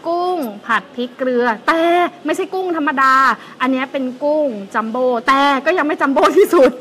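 A young woman hosting a food vlog, chatty and excitable, walking through seafood dishes at a seaside restaurant. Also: high voice, a little fast, rough recording. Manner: chatty and excitable, lots of fillers and exclamations. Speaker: food and travel vlog host. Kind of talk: casual food review walkthrough.

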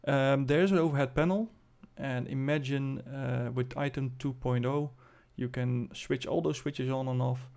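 A man giving casual commentary as host of a game showcase, halting and thinking aloud as he demonstrates. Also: mid-range voice, fairly even intonation, vocal fry, a little mellow. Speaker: video host presenting a game spaceship.

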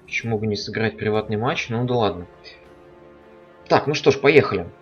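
A man's voice: lowish voice, expressive, fairly quick, muffled recording. A man giving live commentary on a fighting game stream, as a stream commentator. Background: game music and sound.

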